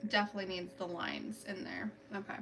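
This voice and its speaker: Over music, a woman with a gravelly, mid-range voice and a sing-song lilt chats fairly quickly with her livestream viewers. She's at home painting her nails, describing every step. The mic is distant.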